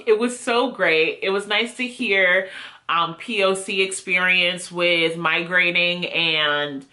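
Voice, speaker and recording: Her voice is fairly low in pitch yet bright and forceful. She's a book reviewer hosting videos, chatting informally to viewers on camera as she answers prompts, with a self-deprecating manner.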